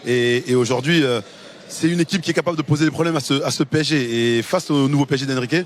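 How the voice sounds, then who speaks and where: A man's voice: medium pitch, fast talker. A man giving casual pre-match football analysis outdoors at a stadium. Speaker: football pundit. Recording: outdoor stadium noise behind.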